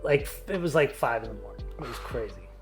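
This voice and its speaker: A man's voice: mid-range voice, animated, fast talker, over music. A man telling a long story from his tattoo work in casual chat, rambling and full of "you know" and "like". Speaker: tattoo artist.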